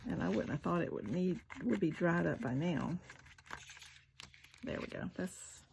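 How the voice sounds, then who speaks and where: Chatty woman with a gravelly voice. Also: on the low side, expressive, unhurried, noisy background. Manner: chatty, self-deprecating, muttering asides while working. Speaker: craft video maker. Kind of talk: casual craft tutorial talk.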